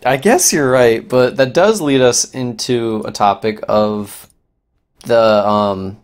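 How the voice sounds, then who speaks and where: A man co-hosting a casual podcast, excitable and swearing, often trailing off mid-sentence. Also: medium pitch, takes it slowly, clean tone. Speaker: podcast co-host. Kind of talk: casual chat.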